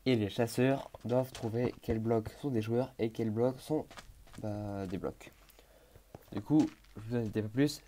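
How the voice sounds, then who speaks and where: A man's voice: medium pitch, steady tone, measured pace, warm tone, slight background noise. A young man giving casual gameplay commentary, hesitant with many fillers, talking to himself and breaking into panicked exclamations. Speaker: gaming YouTuber.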